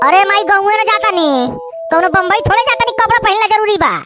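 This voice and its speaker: A woman voicing squeaky quarrelsome Bhojpuri village cartoon men. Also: brisk, over music. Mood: bickering. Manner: teasing, quarrelsome banter with stammers. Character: bickering village men and a film director. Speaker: cartoon voice actor. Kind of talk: village comedy cartoon dialogue.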